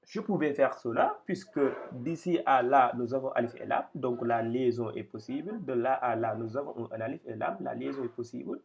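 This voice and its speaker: Gravelly man teaching, patient and halting. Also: medium pitch, highs cut off. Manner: patient, hesitant, repeats words while pointing at text. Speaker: Quran reading teacher. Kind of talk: explanatory lesson.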